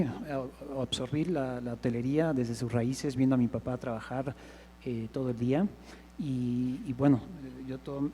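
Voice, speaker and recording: A man's voice: mid-range voice, dark tone, a little hiss or hum, poor audio. A man from Peru introducing himself as a hotelier on a conference panel, hesitant with many fillers.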